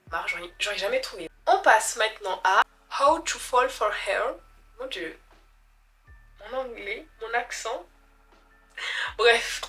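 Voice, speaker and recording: A woman's voice: medium pitch, fairly bright tone. A young woman chatting casually about books she has read, self-mocking and stumbling over foreign names. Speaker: book vlogger.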